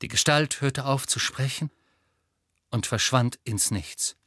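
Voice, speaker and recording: A man's voice: mid-range voice, slow, a bit bright, dry recording, clean studio sound. A man narrating an audiobook in a dramatic storytelling manner.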